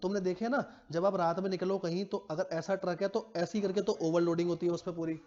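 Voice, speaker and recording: Fast-talking man teaching a class. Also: high voice, fairly even intonation, a little mellow, dull audio. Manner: chatty, teasing, asks the class questions. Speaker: commerce teacher. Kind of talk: classroom lecture.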